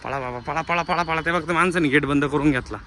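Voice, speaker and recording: A man's voice: fairly high pitch, quick pace. A man filming a family vlog in a public garden, talking casually to his viewers and urging the children along. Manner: chatty, addresses viewers as friends, hurries the children along. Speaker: family vlogger. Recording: outdoor phone audio with loud street noise.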